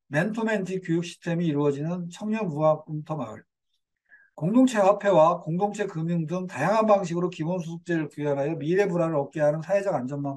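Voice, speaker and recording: A man's voice: fairly high pitch, darkish tone. An older man giving a community lecture in a digressive way, with fillers and self-corrections.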